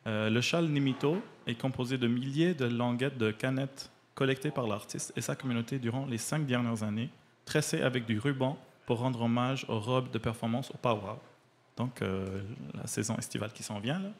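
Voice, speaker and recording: In the manner of a cultural radio segment, a man partly reads his reviews and explanations from a prepared arts column. His voice is medium-pitched and moderately paced, with slight background noise.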